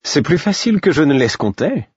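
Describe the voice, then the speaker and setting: A man voicing a fierce, determined young woman warrior in a read-aloud story, pitched well above his own voice. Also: big pitch swings, a little fast, slightly rough, dry recording, dull audio.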